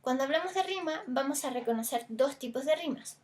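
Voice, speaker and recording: A woman's voice: sits high, lively intonation, a little fast, a little mellow. A Chilean woman teacher explaining a lesson, stretching stressed vowels to demonstrate them and talking things through with small fillers. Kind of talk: recorded language lesson.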